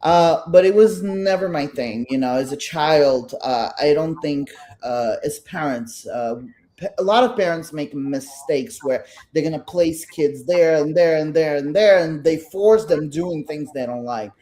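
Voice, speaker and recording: Deep-voiced and warm, a middle-aged Belarusian woman with Russian as her first language and a Russian Brooklyn accent talks as the artist guest in an informal interview. Her speech halts repeatedly, full of restarts and filler words.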